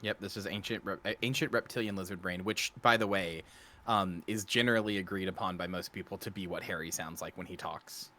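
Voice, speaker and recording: A man with a slightly low voice chats casually as a game co-commentator. There is faint noise behind him. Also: steady tone, brisk, sharp tone. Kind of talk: casual chat.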